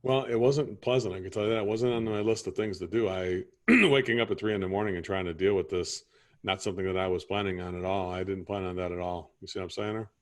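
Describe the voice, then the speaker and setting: Low man, rambling homeowner in a sales role-play, keeps checking you follow. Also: fairly even intonation, fast. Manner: rambling, keeps asking "you see what I'm saying". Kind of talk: improvised training role-play.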